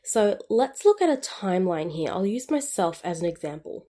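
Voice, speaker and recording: A very animated woman in her twenties explains personal finance on her scripted solo podcast, upbeat and friendly. She speaks at a normal speed in a mid-range voice with a dark tone.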